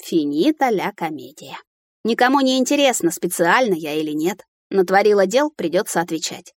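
A woman narrating a first-person fantasy audiobook with an emotional, expressive delivery. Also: medium pitch, normal speed, dry recording. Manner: emotional, expressive reading with tearful dialogue.

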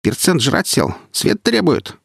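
A man voicing a squeaky, cocky young male thug who bosses and shouts at others. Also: very animated, slow, gravelly, breathy edge, no echo, studio quality, full character voice. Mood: bossy. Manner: rude, bossy, shouting.

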